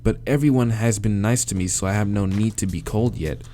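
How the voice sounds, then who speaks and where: With a lowish, mellow voice and a fairly quick delivery, this let's play reader works through a visual novel aloud. He swears and laughs between lines over game music, and there's slight background noise.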